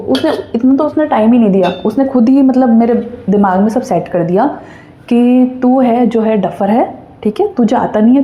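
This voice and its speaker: A woman's voice: medium pitch, a little hiss or hum. A young woman casually telling a personal childhood story to her viewers, chatty and full of fillers. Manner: chatty, animated retelling with many fillers. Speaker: storyteller vlogger.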